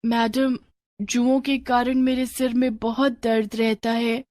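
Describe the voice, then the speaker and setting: A woman's voice: a little high, little pitch movement, slow, a little mellow, no echo, studio quality. A woman voicing a shy, timid schoolgirl who speaks hesitantly.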